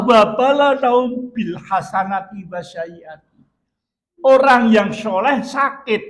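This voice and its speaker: A middle-aged male preacher with a Javanese accent delivers a dawn sermon in a mosque. His voice sits high for a man, and he tells his stories in an animated way, acting out the people in them. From Indonesia.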